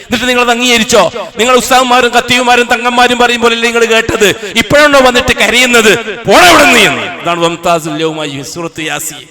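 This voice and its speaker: A man preaching a Friday sermon in a mosque with a Kasaragod Malayalam accent, slowly chanting Arabic verses and then explaining them with impassioned force. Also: very high voice, a crowd in the background.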